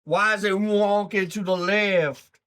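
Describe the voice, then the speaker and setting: Man, streamer, casual reaction chat, slightly high pitch, loose and rambling. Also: fairly even intonation, slow, sharp tone, smooth. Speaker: live streamer.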